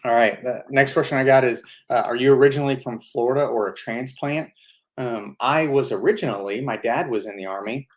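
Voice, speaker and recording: A man's voice: mid-range voice, fairly quick. A man in his thirties hosting a casual live-stream Q&A, answering viewer questions with easygoing stories and plenty of fillers. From United States. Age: 30s. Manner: easygoing storytelling with frequent fillers.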